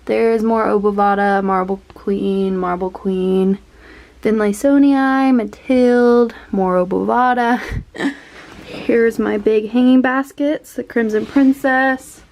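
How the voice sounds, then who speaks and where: A woman's voice: a little high, slow pace, darkish tone. A woman giving a casual, chatty tour of her houseplants as a vlogger, laughing at herself and sounding a little out of breath. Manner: chatty, self-deprecating, laughs often. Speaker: plant vlogger.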